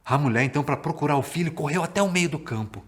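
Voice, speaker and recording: A man with a Brazilian accent from Paraná, telling a folk tale to children in a lively, theatrical way and stretching words for effect. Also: a little high, quick pace. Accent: Paraná Brazilian Portuguese. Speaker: storyteller. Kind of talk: children's storytelling.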